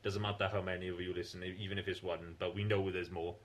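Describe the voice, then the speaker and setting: A man's voice: low-pitched, level tone, a little hiss or hum. A man co-hosting a podcast in casual chat, blunt and sweary. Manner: blunt, swears freely, quick bursts of laughter. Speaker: podcast co-host.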